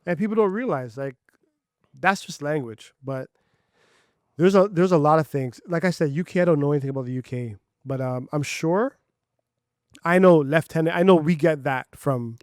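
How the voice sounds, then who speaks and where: A man's voice: a little high, normal speed, a little mellow, dry recording. Opinionated man with dry sound. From Canada. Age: adult parent of a young child. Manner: opinionated, emphatic, spells words out. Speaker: podcast co-host. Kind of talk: casual chat.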